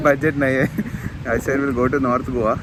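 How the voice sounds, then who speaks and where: A man's voice: medium pitch, level tone, moderate pace. A man with an Indian accent chatting casually to camera as a vlog host, playful and joking, mixing some Hindi into his English. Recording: noisy handheld vlog recording.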